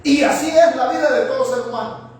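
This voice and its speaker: A man's voice: very high voice, brisk, darkish tone, a little hiss or hum. A man preaching a sermon, often asking the congregation questions. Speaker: pastor. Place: church. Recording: echoey room from far off.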